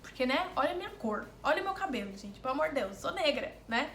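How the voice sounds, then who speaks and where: High-voiced woman telling a travel story. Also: quick pace, roomy sound, slight background noise. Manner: animated, repeats words for emphasis, addresses viewers as "gente". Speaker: travel vlogger. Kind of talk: casual storytelling to viewers.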